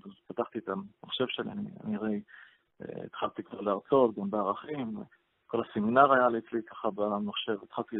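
Gravelly rabbi telling a story by phone. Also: male voice, mid-range voice. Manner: hesitant, with frequent fillers and restarts. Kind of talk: anecdotal storytelling on radio. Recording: tinny phone-line radio audio.

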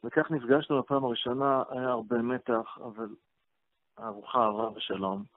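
A man's voice: mid-range voice, steady tone, no echo. A man, a rabbi, telling a long story on a radio show, hesitant, with many fillers and restarts. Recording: tinny phone-line radio audio.

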